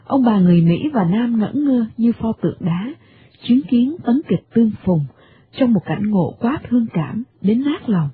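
A woman's voice: a little high, moderate pace. Woman narrating a radio drama. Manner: expressive storytelling. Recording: tinny medium-wave radio broadcast.

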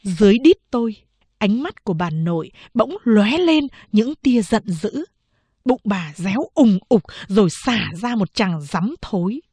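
A woman reading a novel aloud as a steady, measured audiobook narrator. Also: medium pitch, husky, no room sound. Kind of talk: scripted narration.

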